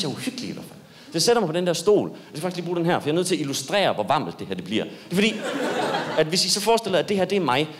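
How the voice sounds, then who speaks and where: Lively, high-voiced male stand-up comic. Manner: animated storytelling, jumps into high yelps for punchlines. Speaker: stand-up comedian. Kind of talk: stand-up comedy set. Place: live comedy stage.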